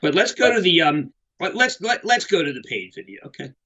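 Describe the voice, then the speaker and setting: A man's voice: on the high side, huge pitch swings, fairly quick, bright, forceful tone, poor audio. A middle-aged man giving unscripted market commentary, rambling and emphatic with many restarts.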